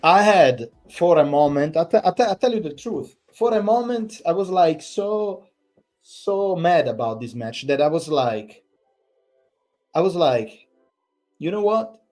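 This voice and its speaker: A man's voice: fairly high pitch, measured pace, a little mellow, faint music behind. Exasperated man ranting. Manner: exasperated, repetitive, swearing. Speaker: fan channel host. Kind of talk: angry post-match reaction rant.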